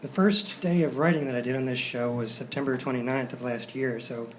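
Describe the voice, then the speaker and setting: In a noisy live recording from a hotel performance space, the writer, director and host of the show gives an informal thank-you speech to the audience. His voice is mid-pitched and steady, and he speaks a little fast. He sounds grateful and hesitant as he feels his way through his words.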